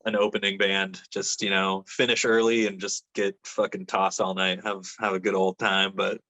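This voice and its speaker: A man's voice: deep voice, little pitch movement, normal speed, bright, forceful tone. A young adult man, a metal vocalist, chatting casually in an interview, laid-back and rambling with lots of fillers and swearing.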